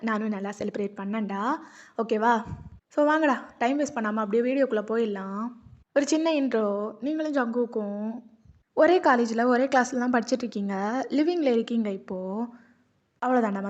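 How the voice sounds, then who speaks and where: A woman's voice: a little high, brisk, a little mellow. Chatty woman narrating fan fiction. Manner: chatty, addresses listeners familiarly. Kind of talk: casual storytelling voice-over. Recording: dull lo-fi audio with music.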